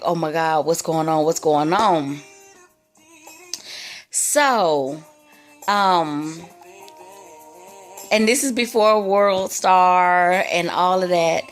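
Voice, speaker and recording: A young woman casually retelling a personal story for her vlog, rambling and padding her sentences with "like" and "you know.". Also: on the low side. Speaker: vlogger telling a personal story.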